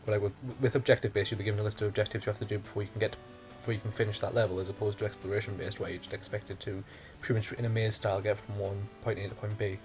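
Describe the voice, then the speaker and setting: A man co-hosting a casual podcast chat, explaining at length, thinking out loud and correcting himself. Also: on the low side, little pitch movement, rapid-fire, music in the background. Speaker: podcast co-host.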